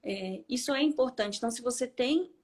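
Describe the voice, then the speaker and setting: A woman's voice: fairly high pitch, a little fast, darkish tone. A woman with a Brazilian Portuguese accent, co-hosting a casual chat and explaining parenting tips, often adding tag questions. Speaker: co-host giving parenting tips.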